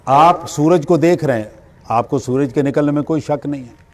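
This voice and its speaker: A middle-aged man delivers a spiritual lecture in a high-pitched voice. He works through everyday examples and poses questions that he then answers himself. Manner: explains with everyday examples, asks and answers his own questions. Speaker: religious speaker.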